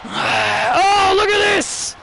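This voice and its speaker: A man's voice: very high-pitched, sing-song, extremely slow, creaky, bright, forceful tone, slight background noise, rough recording. A man giving casual, rambling play-by-play commentary on a wrestling video game, with stammered asides.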